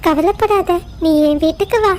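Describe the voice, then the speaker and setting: A woman voicing a caring mother bird in a cartoon, soft and reassuring. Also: extremely high pitch, moderate pace, slight background noise.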